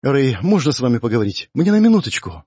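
A man's voice: medium pitch, sing-song, quick pace, mellow, slightly rough, dry recording, clean studio sound. A man voicing a desperate young woman who begs for help in an urgent, pleading way, in an audiobook. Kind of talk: audiobook character voice.

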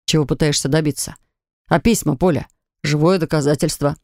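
A woman's voice: sits low, brisk, no room sound, studio quality. A woman doing a wounded, coaxing husband. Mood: indignant. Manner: soft, coaxing and pained. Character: troubled husband, an investigator, gentle but wounded.

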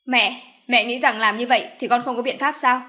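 A woman's voice: fairly high pitch, fairly even intonation, a little fast, bright, forceful tone. A woman voicing an indignant young adult son in an audiobook, protesting and agitated. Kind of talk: audiobook character voice.

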